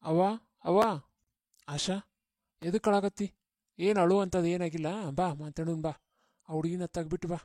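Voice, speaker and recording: A woman voicing a middle-aged mother in a cartoon, steady and coaxing, with a North Karnataka Kannada accent. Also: lowish voice, no echo, clean studio sound, lightly acted. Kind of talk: cartoon voice acting.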